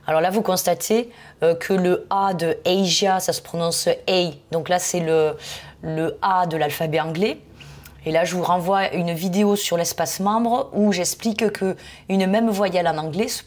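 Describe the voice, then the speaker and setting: A woman's voice: lowish voice, darkish tone. A woman teaching English words in an online lesson, explaining patiently with frequent fillers.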